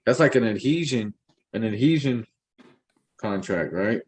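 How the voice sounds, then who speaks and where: A middle-aged man with a fairly low voice in a casual discussion. He talks colloquially, with street slang, often repeating a phrase while he builds an example. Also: expressive, slight background noise. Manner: halting, repeats words, explains with examples.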